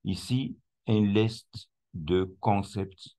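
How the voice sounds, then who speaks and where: A man with a very deep voice walks through a website in a screen-recorded tutorial. He talks slowly and hesitantly, restarting phrases often as he clicks through the steps. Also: fairly even intonation, mellow. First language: not English; speaks French. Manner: hesitant, many restarts and fillers, explains step by step. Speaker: tutorial presenter.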